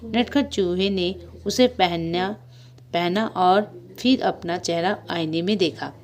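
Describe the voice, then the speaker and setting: A young woman teaching primary children, reading a story aloud in a measured, patient way. She repeats each line in simpler words and asks the class questions as she goes. Her voice sits slightly low. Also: a little mellow. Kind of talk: storybook lesson reading with explanations.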